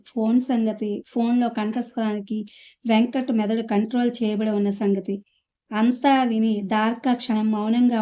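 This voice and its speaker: Woman with a mellow, higher voice. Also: dull audio. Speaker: narrator. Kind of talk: scripted audiobook narration.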